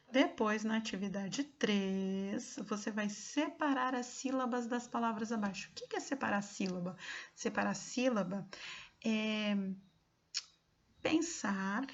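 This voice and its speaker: A woman's voice: a little high, highs cut off. Patient Brazilian woman teaching young pupils. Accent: Brazilian Portuguese. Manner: patient, explains slowly with many check-ins. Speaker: schoolteacher. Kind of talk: remote lesson walkthrough for young pupils.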